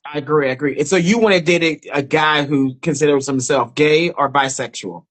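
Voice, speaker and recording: A man's voice: on the high side, fairly quick, fairly bright tone. A man hosting a dating show on a phone livestream, chatting casually, talking straight to viewers and laughing often.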